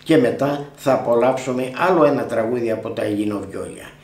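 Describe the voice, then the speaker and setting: A man's voice: mid-range voice, darkish tone. A male presenter introducing the next storyteller in a friendly, formal way, in an echoey room. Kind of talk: introducing a performer.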